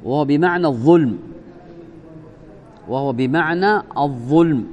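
A man giving a religious lesson, speaking deliberately, repeating words, spelling out pronunciations and asking the listeners rhetorical questions. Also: a little high, a little mellow, muffled recording. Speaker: religious teacher. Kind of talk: religious lesson explaining a hadith.

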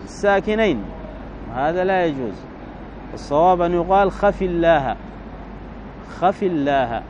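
A man's voice: sits high, lively intonation, darkish tone, a little hiss or hum. A man teaching Arabic grammar, explaining step by step and often checking with the listener whether it is right. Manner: slow, deliberate, keeps asking the listener "right?" to check understanding. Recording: dull lo-fi recording.

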